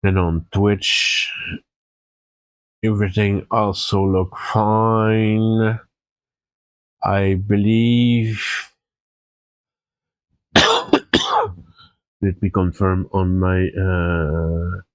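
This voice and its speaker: Congested, tired male streamer, slow talk. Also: lowish voice, very animated, dry recording, muffled recording. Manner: easygoing, rambling with fillers and restarts. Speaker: Twitch streamer. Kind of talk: casual live-stream chat.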